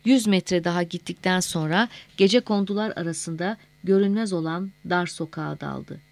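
Low-voiced woman reading an audiobook. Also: no echo. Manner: measured, steady reading. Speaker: audiobook narrator. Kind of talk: scripted audiobook narration.

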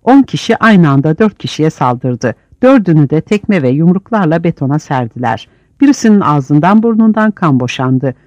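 A man narrating an audiobook with vivid, expressive reading. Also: on the high side, moderate pace, hardly any pauses, no echo, highs cut off. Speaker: audiobook reader.

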